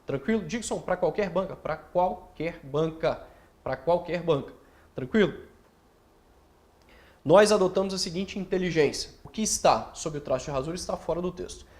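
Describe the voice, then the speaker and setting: A man's voice: high voice, darkish tone. A man with a Brazilian accent teaching essay writing in an online course, checking in with tag questions and answering imagined student questions himself. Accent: Brazilian Portuguese. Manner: explains with quick rhetorical questions and tag questions; acts out student questions in his own voice.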